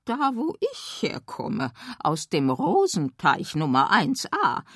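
Woman doing a squeaky, wailing little frog. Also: huge pitch swings, slow pace, fairly bright tone, dry recording, clean studio sound, full character voice. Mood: indignant. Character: small fussy male frog, whiny and indignant. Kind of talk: children's radio story.

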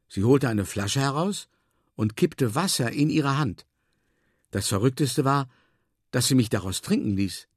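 A man narrating a storybook in the first person as a dog, calm and measured, stretching words for emphasis. His voice sits at an ordinary middle pitch. The sound is dry and close, with no room echo. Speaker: audiobook narrator.

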